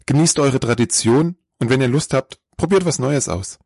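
A man's voice: medium pitch, moderate pace, creaky, darkish tone, slightly rough, dry recording, studio quality. A man hosting a podcast, giving a scripted, lightly playful introduction. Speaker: podcast host.

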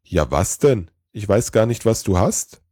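A man voicing a tired, kindly old Santa Claus in a storybook tale, speaking slowly and wearily. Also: on the low side, very animated, dark tone, no echo, clean studio sound. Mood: weary. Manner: slow, weary, grumbling.

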